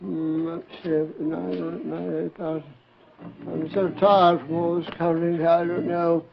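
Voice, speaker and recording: A man playing a weary, absent-minded comic vote counter who mutters in a creaky voice on a 1950s children's show. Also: on the high side, little pitch movement, measured pace, slight background noise. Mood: weary, muddled. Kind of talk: 1950s children's television comedy acting. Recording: dull lo-fi 1950s television kinescope.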